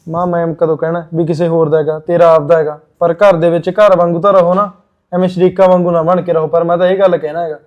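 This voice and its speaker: A young man playing a married son who tries to calm his mother in a short film drama. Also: on the high side, fast, lo-fi sound, natural voice. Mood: pleading. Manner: pleading, placating.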